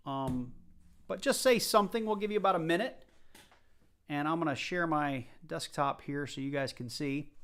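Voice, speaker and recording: This man's voice sits on the high side with a fairly bright tone. He hosts a livestream, rambling chattily to his viewers and addressing the chat as he hunts coins, all in a light Southern US accent.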